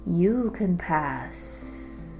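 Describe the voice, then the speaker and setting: A menacing old fire-breathing sea serpent, put on by a woman, drawing out each slow word in a low, mellow voice. He sounds ancient and threatening, and soft music sits faintly behind him. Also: lively intonation, gravelly, full character voice.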